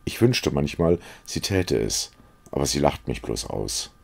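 A man's voice: very deep voice, sing-song, unhurried, creaky, husky, exaggerated voice. A man reading aloud as a witty, cynical young aristocrat who talks in mocking epigrams. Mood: amused, teasing.

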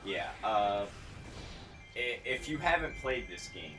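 Brief: young male let's-player, unhurried, swings his pitch around, a bit off-mic over game music. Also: sing-song, recorded from a distance. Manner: laid-back, profane, laughs often. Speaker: gameplay commentator. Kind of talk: casual let's-play chat.

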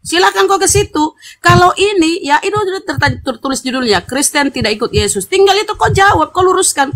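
A woman's voice: very high voice, expressive, fairly quick, a bit bright. A woman hosting an online interfaith debate, lecturing and scolding her opponent, repeating herself for emphasis. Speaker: host of an interfaith debate room.

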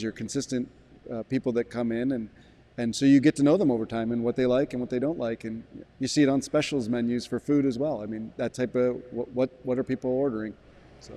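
A man in his forties, a brewery sales director, giving a measured interview in a barrel room with frequent restarts. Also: medium pitch, mellow. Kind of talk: business interview.

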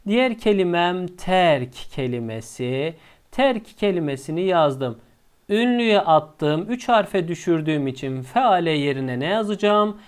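A man teaching at a very unhurried pace, with a crisp, resonant voice. He walks through each step, poses a question and then answers it himself. He stretches the important words out slowly. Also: high voice, lively intonation. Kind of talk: step-by-step lesson.

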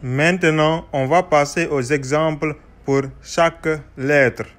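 A man with a Guinean French accent giving a recorded lesson, speaking slowly and deliberately and repeating each sound twice. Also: a little high, steady tone, a bit bright. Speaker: language teacher.

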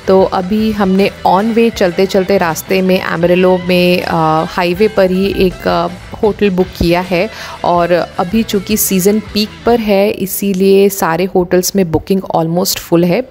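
A woman's voice: mid-range voice, darkish tone. A woman in her thirties with an Indian accent, chatting casually through a travel vlog and explaining things as she goes. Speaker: travel vlogger.

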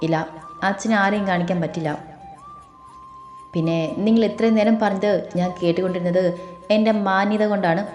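Woman reading firm curt young man, protective husband, audio story, dark voice, echoey room. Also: lowish voice, natural voice.

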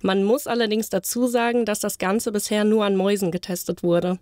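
A young woman co-hosting a student podcast, presenting in a clear, scripted way. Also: mid-range voice, steady tone, fairly quick, a little mellow, no echo. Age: young adult. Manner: clear, read-from-script delivery. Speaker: podcast co-host, journalism student.

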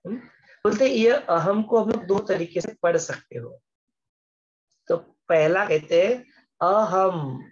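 A man's voice: high-pitched, a little mellow, lo-fi sound. A man giving an explanatory scripture lesson as a spiritual teacher, patiently repeating words and slipping English phrases into his talk.

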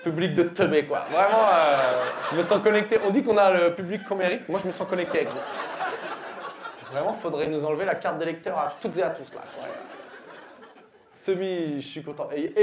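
Guy doing crowd work onstage, handheld mic, echoey club, quick teasing jabs. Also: a little high, background noise. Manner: teasing, loud bursts of punchlines, quick asides. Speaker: stand-up comedian. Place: comedy club stage, dark curtain backdrop. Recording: roomy club with loud crowd. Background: audience laughing.

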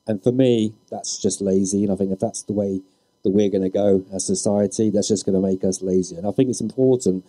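A man's voice: fairly low pitch, fairly even intonation, fairly quick, dark tone, no echo. A man speaking as a DJ on a live panel, earnest and opinionated. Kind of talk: panel discussion.

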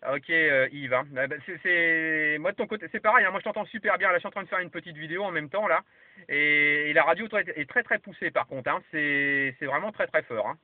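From a parked vehicle, a man chats casually as a radio operator and gives signal reports. His voice is fairly high and a little fast. The lo-fi camera audio sounds muffled and dry, with no echo.

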